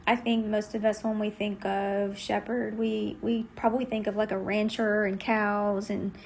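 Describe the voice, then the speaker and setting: A woman's voice: mid-range voice, flat delivery, normal speed, creaky, darkish tone, a little hiss or hum. A middle-aged woman from Texas, giving an earnest, conversational devotional Bible teaching.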